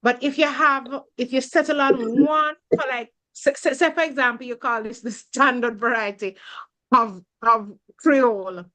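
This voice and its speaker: A woman giving a webinar talk over a video call, deliberate and often repeating words as she finds her phrasing. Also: sits high, steady tone, pushed and bright, low-quality recording. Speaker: guest speaker. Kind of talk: webinar talk answering a question.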